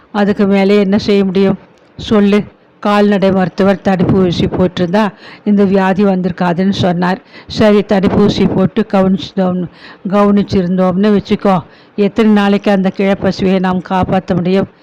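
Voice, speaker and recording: A man voicing a grieving older widowed aunt who gently consoles her niece in an audiobook story. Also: sits high, flat delivery, normal speed, slight background noise, natural voice. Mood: consoling. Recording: dull lo-fi recording.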